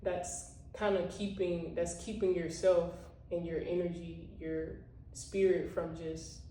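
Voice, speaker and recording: In a slow, flat, dark-toned lowish voice, a woman vlogger gives a casual motivational talk, leaning heavily on "you know" and "like." The room echoes, she's a bit far from the mic, and a little hiss or hum runs underneath.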